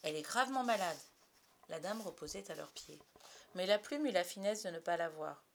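A woman narrating a storybook aloud, with soft, confiding asides to the listener. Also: on the low side, moderate pace, vocal fry, a little hiss or hum. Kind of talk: storybook reading.

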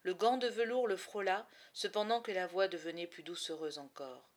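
A woman narrating a storybook in a somewhat low voice. She reads expressively, in measured phrases broken by dramatic pauses, letting the tension build. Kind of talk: storybook reading.

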